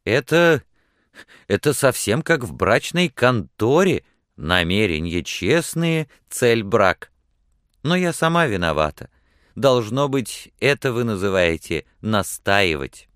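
A man voicing a spirited, quick, proud young woman who talks emphatically in a storybook reading. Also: sits low, expressive, fairly bright tone, clear, resonant tone, no room sound, studio quality. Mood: flustered. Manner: emphatic, exclaiming.

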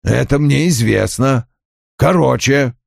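A man's voice: mid-range voice, takes it slowly, gravelly, dry recording, clean studio sound, heavily acted. Man voicing a curt, clipped old detective. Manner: terse and clipped. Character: curt, demanding older male detective.

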